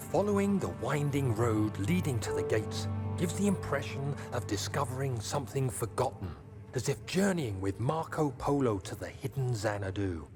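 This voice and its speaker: An actor playing a troubled, educated nineteenth-century gentleman, reading his journal in a formal, solemn way for a video game. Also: medium pitch, natural voice. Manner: formal, solemn, measured recital. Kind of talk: scripted diary narration in a video game.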